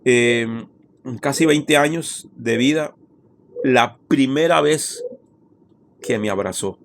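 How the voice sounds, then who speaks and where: A man's voice: mid-range voice, takes it slowly, slight background noise. A man, a pastor telling a personal testimony in a sermon with emotional storytelling, often calling listeners brother.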